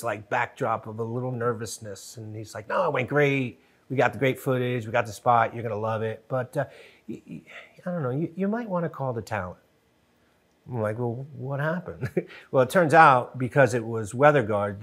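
A middle-aged man from Western Pennsylvania, a guest on a studio podcast, talking casually and animatedly with many restarts, recorded on a boom-arm mic. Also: moderate pace. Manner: animated, gestures a lot, frequent restarts. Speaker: podcast guest, TV show co-creator. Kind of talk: casual interview chat. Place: wood-paneled podcast studio.

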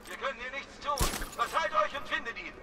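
Ein Schauspieler spielt in einem Videospiel einen angespannten bewaffneten Handlanger, der kurze Rufe ausstößt. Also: male voice, very high voice, animated, a little fast. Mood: wary, grumbling. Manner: short barked callouts. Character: tense male armed henchman, aggressive and jittery. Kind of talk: game combat barks. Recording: distant, faint noise.

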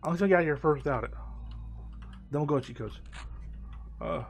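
A man playing an old computer game and chatting casually with a friend, excitable and laughing often. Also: fairly high pitch, brisk, vocal fry. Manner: excitable, laughs often, yelps when hit. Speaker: game player, co-host. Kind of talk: casual let's-play banter.

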